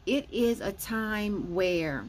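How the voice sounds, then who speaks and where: A woman's voice: mid-range voice, expressive, slow pace, a little hiss or hum. A woman giving a casual weekly astrology and tarot forecast, explaining each point and often saying "okay" between them.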